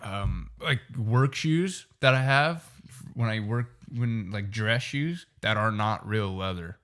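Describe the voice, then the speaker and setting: A man's voice: lowish voice, animated, slow pace, a bit bright. A young man co-hosting a podcast, talking in a loose, slangy way and swearing casually. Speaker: podcast co-host. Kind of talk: casual chat.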